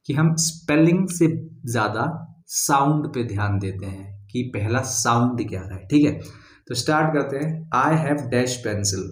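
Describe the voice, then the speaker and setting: Man, teacher, patient slow explaining, mid-pitched voice, echoey room. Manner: slow, patient explaining, reads example sentences word by word. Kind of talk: grammar lesson.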